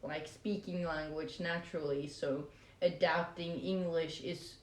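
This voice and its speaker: A low-pitched Norwegian woman, speaking a little slowly with fairly even intonation, chats to her live stream audience as she crochets. She's playful, rambling and hesitant, and the recording has room echo and background music.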